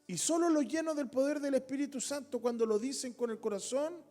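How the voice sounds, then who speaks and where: A man's voice: extremely high pitch, brisk, warm tone, faint music behind. A man with a Chilean Spanish accent teaching a Bible study, emphatic and rising to impassioned calls.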